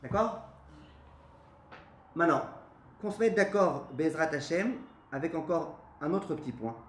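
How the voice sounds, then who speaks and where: A man, a rabbi, giving a lively spoken lesson to a class, often asking his listeners questions and then answering them himself. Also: a little high, a little slow. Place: classroom with a live audience. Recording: echoey room, faint background noise.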